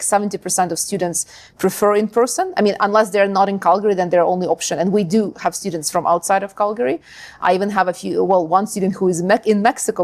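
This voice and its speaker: A Ukrainian woman who founded a language school speaks casually as a guest on a podcast interview, peppering her chatty talk with fillers and frequent "right?" tags. Her voice is medium-pitched with a somewhat dark tone.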